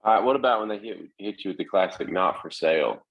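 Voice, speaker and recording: A man's voice: deep voice, fast, dull audio. A man on a casual video call, asking questions in an easygoing way. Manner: casual, asks questions, calls people dude. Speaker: real estate investor client.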